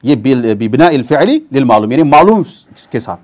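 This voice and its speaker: In a weekly mosque class on hadith terminology, a man with a medium, slightly mellow voice lectures at normal speed with big swings in pitch. He poses rhetorical questions to his students and then answers them himself.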